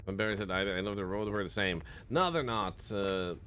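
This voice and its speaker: A man doing live gameplay commentary as a streamer, excitable, laughing often and yelping at sudden scares. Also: fairly low pitch, brisk, a little hiss or hum. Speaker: streamer playing a horror game.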